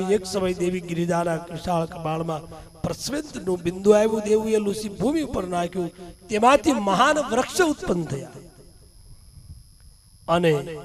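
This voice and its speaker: A man telling a devotional katha sermon, his voice rising and falling dramatically as he calls the listeners dear ones. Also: high-pitched. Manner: rises and falls dramatically, calling the audience dear ones. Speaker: religious storyteller.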